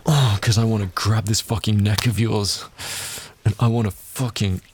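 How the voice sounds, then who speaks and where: Speaking at a moderate pace with fairly even intonation and a breathy edge, a man delivers an adult audio roleplay. He taunts and dominates in a low, intimate tone, breathing heavily and muttering exclamations between lines.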